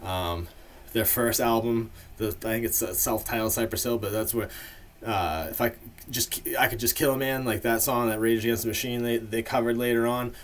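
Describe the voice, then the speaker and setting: A man's voice: medium pitch, steady tone, moderate pace. A man in a casual, rambling monologue full of fillers, giving his opinions as the host of a ranking video.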